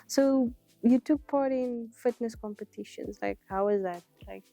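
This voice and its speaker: A woman's voice: on the high side, measured pace, gravelly, mellow, no echo, soft background music. A woman interviewing casually, with an encouraging, affirming way of talking. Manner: encouraging, frequent affirming backchannels. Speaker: podcast interviewer.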